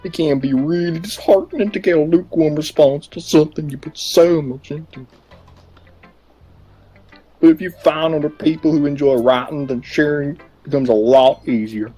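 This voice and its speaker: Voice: medium pitch, moderate pace, dark tone, soft background music, lightly acted. A player reading aloud the lines of a cheerful teenage girl club president from a visual novel. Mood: musing.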